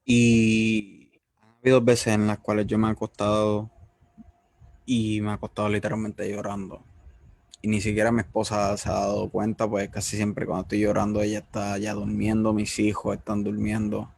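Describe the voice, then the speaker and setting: Man, interviewer, confessional faith talk, gravelly voice, dry close sound. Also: on the low side, completely flat delivery, normal speed, a little mellow, dry recording. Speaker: interviewer, host. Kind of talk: personal faith conversation.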